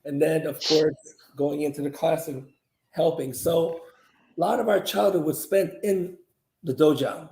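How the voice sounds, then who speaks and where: Answering an interviewer's questions, a martial arts grandmaster in his fifties who came from South Korea rambles, with plenty of fillers and false starts. He speaks unhurriedly in a high-leaning, gravelly yet mellow voice. Echo from the room is noticeable.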